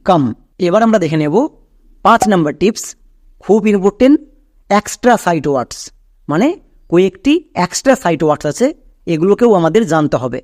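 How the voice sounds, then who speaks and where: Male tutor, high voice, dry close recording, spells words out letter by letter and checks understanding. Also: darkish tone, no room sound. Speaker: English reading teacher. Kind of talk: classroom-style lesson.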